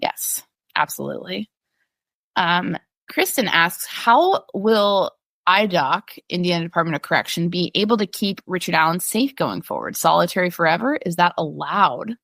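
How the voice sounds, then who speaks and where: Chatty woman podcast co-host, low voice. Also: lively intonation, normal speed, vocal fry, a bit bright, dry recording. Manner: chatty, many restarts and fillers, laughs easily. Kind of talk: casual chat reading patron questions.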